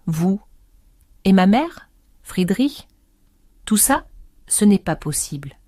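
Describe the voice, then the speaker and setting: A woman's voice: medium pitch, big pitch swings, slow pace, warm tone, no room sound. A woman voicing a confused young nephew. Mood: confused protesting.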